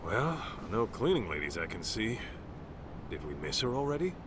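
A man's voice: on the low side, big pitch swings, moderate pace, background noise. An actor playing a casual, direct middle-aged male detective in a video game dub. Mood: casual, easygoing. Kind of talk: English game dub acting.

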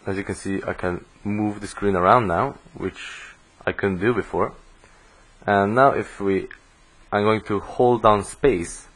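A man teaching a programming course, explaining code step by step as he types in a screen recording, on low-quality audio. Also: fairly bright tone. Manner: slow, step-by-step explaining while typing code. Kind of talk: screen-recorded coding tutorial.

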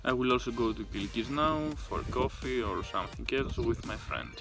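A young Greek man with a Greek accent vlogs casually outdoors in a village, holding his phone at arm's length over loud music. His medium-pitched voice has vocal fry, and his travel narration is plain and halting, full of fillers.

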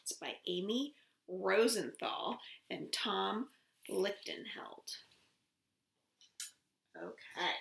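A woman in her thirties reading a picture book as if to a toddler, expressive and exaggerated, with simple phrases and pauses. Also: mid-range voice, gravelly, roomy sound. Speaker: children's storytime host. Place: small room at home, indoors.

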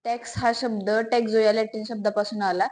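A young woman recites a lesson aloud in a classroom, her voice sitting a little high. She pauses often on fillers as she works through what she has learned. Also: little pitch movement, a little mellow. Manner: hesitant, many fillers. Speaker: student.

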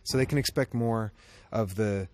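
A man's voice: fairly low pitch, normal speed, background noise. A man in a band answering interview questions backstage, thoughtful and restarting his sentences often. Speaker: band member.

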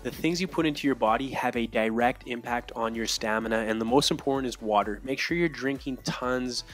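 A man's voice: mid-range voice, fairly quick, over music. A man giving encouraging, direct motivational advice on fitness and mindset as a soccer coach. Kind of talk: motivational voice-over.

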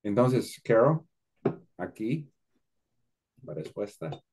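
A man's voice: medium pitch, expressive, slow, a little mellow. A man hosting an online language class on a video call, explaining patiently and moving between two languages.

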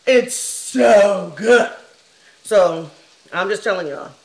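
A woman's voice: medium pitch, takes it slowly, low-quality recording. A woman hosting a casual cooking vlog, chatting and explaining recipes to viewers.

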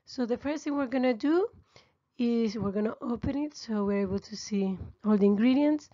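A woman with a fairly high, mellow voice walks through a spreadsheet tutorial in a steady, explanatory way, with the odd "uh" and "um". The recording is dry and a little muffled, like a lo-fi voice-over. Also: moderate pace, no echo. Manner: steady explanatory pace with frequent fillers. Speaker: restaurant finance tutor.

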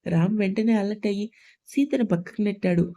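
A woman reading a serialized love story aloud, giving the dialogue in her own plain, steady reading voice. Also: medium pitch, brisk. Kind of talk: scripted narration of a love story, all voices read alike.

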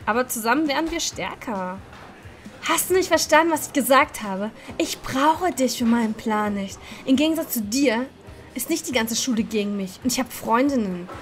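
A woman's voice: fairly high pitch, expressive, fairly quick, soft background music. Playful woman reading a game aloud. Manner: playful, laughing at her own slips. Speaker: let's-play host. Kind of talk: reading a dating game aloud, voicing every character.

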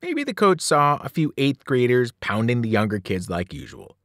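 Man, teacher, read-aloud narration, animated pitch, dry recording. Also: normal speed, no room sound. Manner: animated storytelling, shifting pitch and loudness with the action. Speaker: teacher reading a novel aloud.

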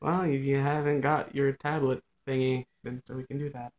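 A man's voice: mid-range voice, little pitch movement, moderate pace, darkish tone. A young man hosts a casual vlog, talking off the cuff. He is recorded indoors on a phone held out on a selfie stick. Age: young adult. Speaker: vlog host. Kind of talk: casual chat on the fly. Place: small dim room indoors. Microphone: phone on a selfie stick at arm's length.

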